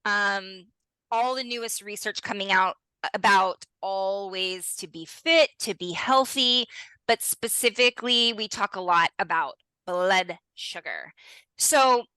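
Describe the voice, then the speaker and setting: A woman's voice: medium pitch, animated, unhurried, sharp tone, clear, resonant tone, no echo, low-quality recording. A young adult woman hosting a podcast interview, bubbly and exclamatory, speaking straight to her listeners. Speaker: podcast host.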